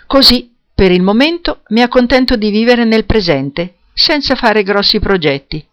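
Storybook casting: reader doing a young female clown, soft and wistful, dry sound. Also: medium pitch, lively intonation, moderate pace, smooth, no room sound, pitched above the performer's own voice, lightly acted. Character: young woman street clown, hopeful but unsure.

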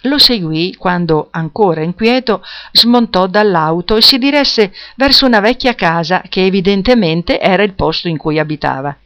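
A narrator reading a first-person travel story in a steady, measured way. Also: mid-range voice. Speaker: audiobook narrator.

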